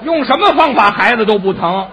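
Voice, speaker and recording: A male straight man in a live crosstalk act, his pitch slightly high and swinging widely as he shoots back teasing one-liners. A loud audience can be heard all around him on stage. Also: lively intonation, a crowd in the background, noisy background. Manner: quick retorts and teasing comebacks, often laughing. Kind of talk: live crosstalk comedy performance.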